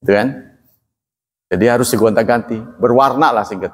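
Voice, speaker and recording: A man's voice: medium pitch, fairly quick, husky. A man preaching a religious lecture to a congregation, speaking plainly and evenly, often asking listeners to agree. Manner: plain, even delivery, calls himself flat-spoken. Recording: long reverb in a hall.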